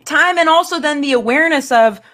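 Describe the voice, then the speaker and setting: A woman's voice: sits high, fairly quick. A young woman from Maine, a guest in a casual podcast conversation, who tells her stories animatedly and acts out what people said. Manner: animated storytelling, acting out quotes.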